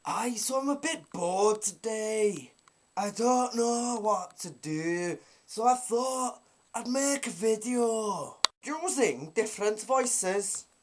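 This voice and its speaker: A man voicing an excitable fellow with a broad, silly local accent and drawn-out exclamations in a comic vlog. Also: extremely high pitch, noisy background, pitched above the performer's own voice, full character voice. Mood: bored, exclaiming.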